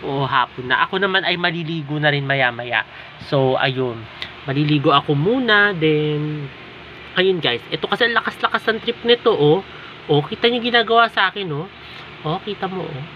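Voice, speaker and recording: A man's voice: fairly high pitch, normal speed. A man from the Philippines vlogging casually at home, talking to his viewers on a phone camera and calling them guys again and again. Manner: chatty, keeps addressing viewers as guys. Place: at home indoors. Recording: dull lo-fi audio with clear background noise.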